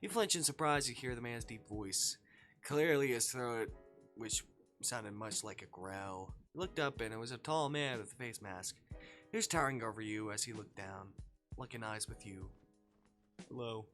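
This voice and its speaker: A man's voice: medium pitch, normal speed, fairly bright tone, soft background music. A man streaming live, reading a fan fiction story aloud in second person and breaking into playful asides.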